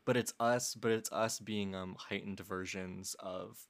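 A woman's voice: a bass voice, steady tone. A woman co-hosting a comedy podcast, riffing jokes in casual chat and laughing often. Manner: joking, quick riffs, frequent laughter. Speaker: podcast co-host.

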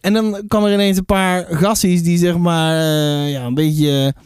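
A woman's voice: lowish voice, fairly even intonation, measured pace, a little mellow, clear, resonant tone, no echo, studio quality. A woman in her thirties from Drenthe hosting a podcast, chatting casually and rambling with many fillers and restarts. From Drenthe, Netherlands. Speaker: podcast host, book reviewer. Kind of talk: casual chat.

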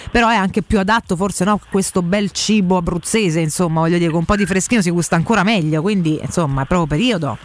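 A woman hosting live radio with chatty, informal, teasing banter. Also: lowish voice. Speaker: radio host.

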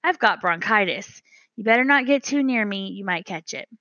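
A woman's voice: medium pitch, lively intonation, normal speed, sharp tone, no echo, muffled recording. A woman voicing a small, brave boy mouse with a sore throat, earnest and caring. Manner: earnest, solicitous.

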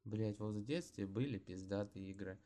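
A man's voice: fairly low pitch, moderate pace, dark tone. A man with a nasal, stuffy-nosed voice chatting casually as a podcast co-host, swearing now and then.

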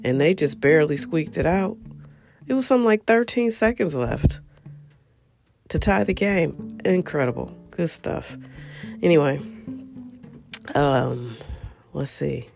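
Faint music plays behind a woman with a deep, gravelly, slightly mellow voice as she talks football on her solo podcast. She's animated but a little slow, pausing often, and her chatty, emphatic rambling is broken by occasional coughs from congestion.

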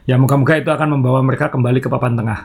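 A man's voice: mid-range voice, fairly even intonation, very fast, gravelly, darkish tone, a little hiss or hum. Man explaining at length on a podcast. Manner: explains at length, chuckles often. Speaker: podcast co-host. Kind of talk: casual podcast chat.

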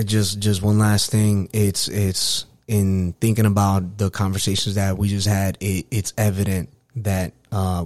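A middle-aged man with a low voice in a dry, close recording. He hosts a podcast in a casual, earnest way, often repeating phrases as he finds his words. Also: a little mellow, dry recording. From New York, United States. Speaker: podcast host.

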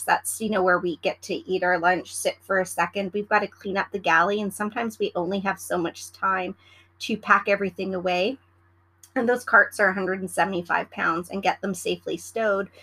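A woman's voice: medium pitch, sharp tone, poor audio. A middle-aged woman, a former flight attendant, chatting casually at home on her podcast and acting out exchanges with passengers. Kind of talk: casual solo podcast chat. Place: at home in the evening.

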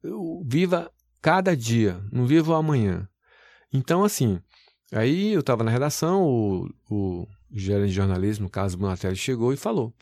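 A man's voice: medium pitch, animated, normal speed, darkish tone, no echo, studio quality. A man, working as a TV news presenter, telling his story animatedly with folksy exclamations in an interview.

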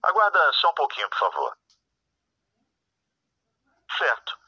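A man's voice: fairly high pitch, wildly swooping pitch, a little slow, pushed and bright, husky, dry recording. A Brazilian man reading scripted phone prompts in a polite, informal customer service voice, heard over a telephone line. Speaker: automated bank phone line voice. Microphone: recorded prompts heard over a phone call. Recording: dull telephone-line recording.

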